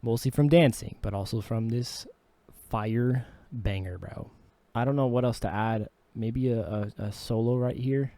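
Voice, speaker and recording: A man's voice: medium pitch, measured pace, warm tone, no echo. A man vlogging about producing his own song, talking in a laid-back, slangy, chatty way. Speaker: music producer and singer. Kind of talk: casual vlog talk.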